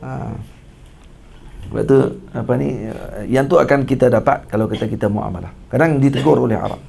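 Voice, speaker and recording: Gravelly Malaysian Malay religious teacher. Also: male voice, medium pitch, fairly quick, darkish tone. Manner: chatty, asks listeners for agreement; mimics Arabic speakers' phrases. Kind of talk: casual classroom religious lecture.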